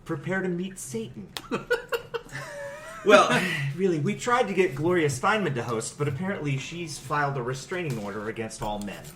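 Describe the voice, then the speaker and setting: A man's voice: fairly high pitch, expressive, normal speed, background noise. A man hosting a comedy movie-review podcast, talking in a mock-earnest, joking way and often laughing. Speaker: podcast host.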